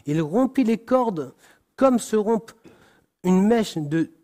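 A man preaching, reading a Bible passage slowly and deliberately, stumbling and correcting himself now and then. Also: high-pitched, expressive, mellow. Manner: slow, deliberate reading with frequent restarts and apologies.

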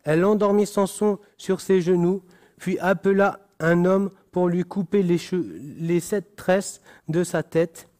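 A man preaching, reading a Bible passage slowly and deliberately, stumbling and correcting himself now and then. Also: high-pitched, little pitch movement, darkish tone. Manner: slow, deliberate reading with frequent restarts and apologies.

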